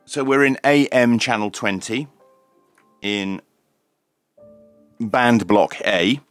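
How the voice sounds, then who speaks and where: Soft music plays behind a dry recording of a man with a medium-pitched, fairly bright voice speaking at a slow pace. He's a radio reviewer doing an unscripted product demonstration, explaining each step in a methodical, matter-of-fact manner.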